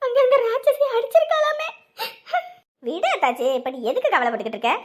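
A woman voicing a quarrelsome, loud-mouthed village woman in a family drama, scolding shrilly. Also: very high voice, huge pitch swings, quick pace, exaggerated voice. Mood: gossiping. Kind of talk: Tamil family drama acting.

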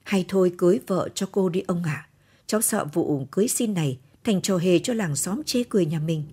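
A woman's voice: fairly low pitch, lively intonation, a little fast, dark tone, breathy edge. A woman voicing a cheeky young grandson, teasing and gossiping in an audio storybook. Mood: pleading.

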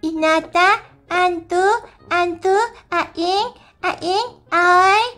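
A woman's voice: very high-pitched, drawn-out words, pushed and bright, faint music behind, voice pushed up, heavily acted. A woman voicing a small clingy toddler girl who babbles in broken short words. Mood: pleading.

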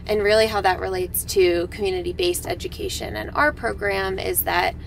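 Gravelly-voiced young woman in a vehicle. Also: mid-range voice, fairly even intonation, moderate pace, a little hiss or hum, poor audio. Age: young adult. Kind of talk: interview. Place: inside a parked vehicle.

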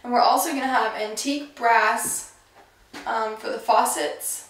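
A woman's voice: a little high, fairly even intonation, a little slow, fairly bright tone. A woman in her twenties giving an upbeat, chatty tour of her house renovation on a handheld camera. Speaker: vlogger. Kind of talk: casual home-renovation vlog. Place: empty rooms in a house under renovation. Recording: echoey bare rooms, faint noise.

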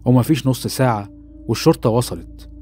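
Fast-talking Egyptian horror storyteller. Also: male voice, medium pitch, dark tone, husky, soft background music. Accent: Egyptian Arabic. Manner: dramatic first-person telling. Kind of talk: scripted horror narration.

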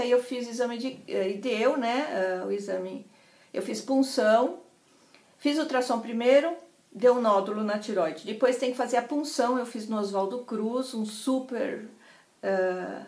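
A middle-aged woman, talking in a fairly high voice. She tells her story casually and animatedly and slips into other people's lines. The room is echoey. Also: a little mellow. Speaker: vlogger sharing a personal experience. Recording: roomy, echoey room sound.

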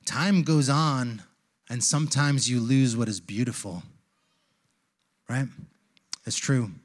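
A man's voice: mid-range voice, takes it slowly. Man preaching on a church stage. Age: 40s. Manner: conversational storytelling, turns hushed and reflective. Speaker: pastor. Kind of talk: sermon. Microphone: handheld mic.

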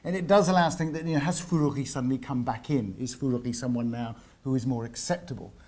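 A man giving an academic seminar lecture at a university, often pausing and repeating words as he searches for the right phrasing. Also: mid-range voice, darkish tone. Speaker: visiting lecturer.

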